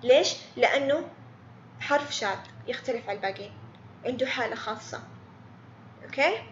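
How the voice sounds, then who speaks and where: High-voiced woman teaching English. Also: expressive, roomy sound, lo-fi sound, a little hiss or hum. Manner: patient, repeats words slowly, quizzes students by name. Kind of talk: online lesson explaining grammar.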